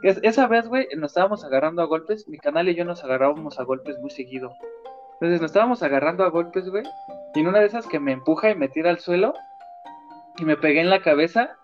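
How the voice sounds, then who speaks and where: A man's voice: fairly high pitch, animated, fast talker, dull audio, soft background music. A man with a Mexican accent telling stories in casual chat with crude slang. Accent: Mexican Spanish.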